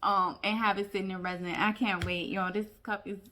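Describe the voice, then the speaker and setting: A young woman chatting excitedly while making a crafting tutorial, calling viewers y'all. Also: medium pitch, moderate pace. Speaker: crafting vlogger. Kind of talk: casual crafting tutorial chat.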